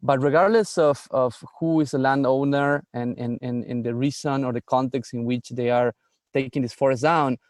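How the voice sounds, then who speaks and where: A man's voice: medium pitch, fairly even intonation, normal speed, no echo, clean studio sound. A man from Argentina, a startup founder answering interview questions earnestly, with frequent fillers and restarts.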